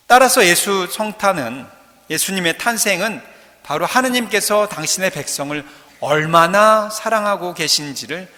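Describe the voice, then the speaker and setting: A man's voice: sits high, pushed and bright. A man giving a sermon as a priest, playful, acting out bits of dialogue and dialect jokes. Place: church. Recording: echoey church with long reverb.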